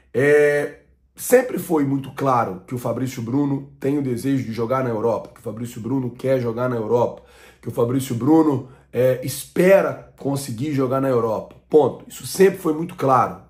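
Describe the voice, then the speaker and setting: A man's voice: medium pitch, a little mellow. Brazilian man rambling through fan news. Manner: rambling, repeats himself, many fillers. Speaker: football channel host. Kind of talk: casual fan news vlog. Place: small room at home.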